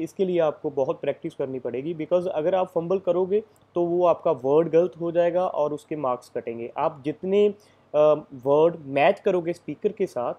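A man's voice: fairly high pitch, warm tone. A man giving a casual lecture as an exam coaching teacher, explaining step by step with frequent fillers.

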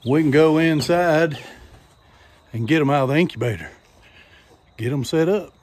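A man's voice: on the high side, normal speed, a little mellow. A man, chatting folksy and casual while filming himself on a phone at a farm. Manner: folksy, chatty, says y'all. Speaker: homesteading vlogger. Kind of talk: casual how-to vlog. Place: farm barn and backyard outdoors. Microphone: phone camera at arm's length.

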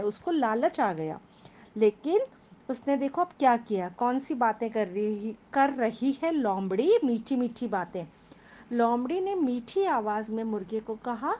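A woman's voice: high-pitched, a little mellow, slight background noise. A woman teacher telling a story to children as a lesson, explaining words and asking the class questions.

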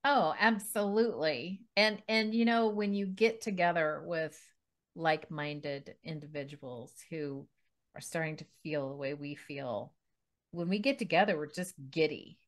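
A woman hosting a relaxed podcast conversation. Her voice sits a little low, and she talks in a bubbly, chatty way. She laughs easily and often restarts her sentences. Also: unhurried. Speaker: podcast host. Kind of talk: casual interview chat.

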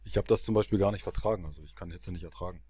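A man in his thirties hosts a video-call interview and speaks in a friendly way with an occasional filler. His voice sits fairly low. He talks through a headset mic. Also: rapid-fire, warm tone. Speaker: interview host.

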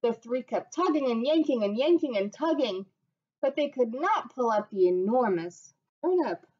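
Her voice a little high, a teacher in her thirties reads a picture book aloud to the webcam on her desk, slow and expressive. She's in a small room at home, and the webcam audio comes through dull and lo-fi.

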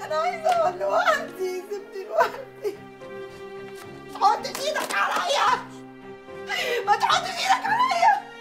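A woman's voice: extremely high pitch, big pitch swings. An actress playing a proud young working woman who snaps back indignantly and fights tears. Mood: tearful. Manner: sharp, indignant, fast retorts. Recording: film soundtrack with music underneath.

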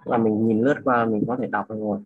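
A young man casually tutoring a classmate, repeating words and slowly modelling pronunciation. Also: on the low side, little pitch movement, husky, phone-quality sound. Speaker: student coaching a classmate.

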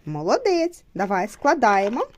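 A woman's voice: mid-range voice, huge pitch swings, unhurried, darkish tone. A young woman, a mother, patiently teaching her child at home and explaining to viewers, encouraging him and repeating short instructions.

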